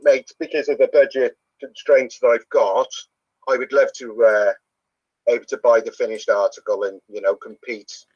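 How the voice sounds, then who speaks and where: A man's voice: mid-range voice, husky, no echo, highs cut off. A middle-aged man with a thick Yorkshire accent, chatting casually as a podcast guest. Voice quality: thick broad regional accent. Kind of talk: casual chat.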